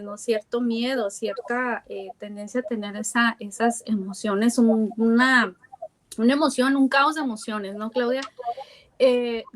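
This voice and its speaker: A woman hosting a podcast interview, asking long reflective questions with frequent fillers. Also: fairly high pitch. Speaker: podcast host. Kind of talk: conversational interview.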